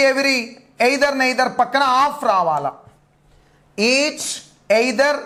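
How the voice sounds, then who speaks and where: A man's voice: extremely high pitch, fairly bright tone. A man teaching English grammar for a teacher exam, repeating key terms emphatically as he drills them. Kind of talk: exam-prep grammar lecture.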